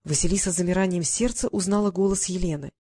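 Woman reading a storybook aloud, steady narrator. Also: lowish voice, fast talker, husky. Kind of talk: audiobook narration.

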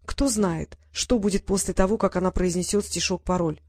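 A woman narrating an audiobook story in a steady, even storytelling voice. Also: fairly low pitch, moderate pace.

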